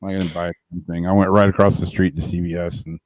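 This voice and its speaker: A man with a very low voice talks casually with a co-host, unhurried and laughing often. His sentences often trail off softly. The sound is dry, with no room around it. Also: flat delivery, dry recording. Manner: laid-back storyteller, laughs often, trails off quietly. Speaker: podcast co-host. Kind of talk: casual chat.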